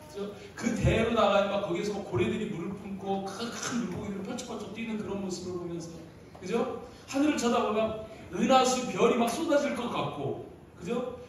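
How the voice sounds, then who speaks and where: A man's voice: high-pitched, noisy background. A male pastor delivering a story-filled sermon in a church, often calling on the congregation to reply. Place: church sanctuary. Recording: echoey hall from far off.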